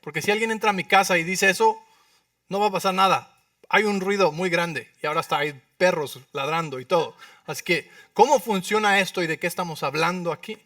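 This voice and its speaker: A male pastor preaching in a high, bright voice that jumps from quiet asides to loud bursts as he acts out prayers and dialogue. He keeps checking in with the congregation through quick rhetorical questions. The sound is dry, with the voice a little distant from the mic. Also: no echo. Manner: animated preaching, acting out prayers and dialogue with sudden loud outbursts; asks the congregation for agreement with frequent rhetorical questions. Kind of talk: sermon. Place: church.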